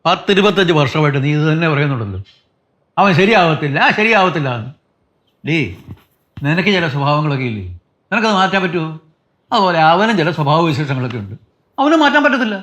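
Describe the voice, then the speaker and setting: A man's voice: on the high side, sing-song, fast talker, long pauses, fairly bright tone. An actor playing an old grandfather in a family sitcom, a patient storyteller who teases the children and turns firm when he scolds his wife. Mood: chiding. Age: older. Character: genial old grandfather, teasing and steady. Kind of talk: sitcom acting.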